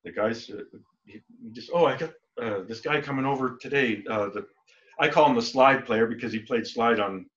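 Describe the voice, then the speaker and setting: A man's voice: on the low side, fairly bright tone. A man, a band member, chatting in an interview, rambling with many restarts and acting out quoted exchanges. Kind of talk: casual interview talk. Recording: dull lo-fi recording.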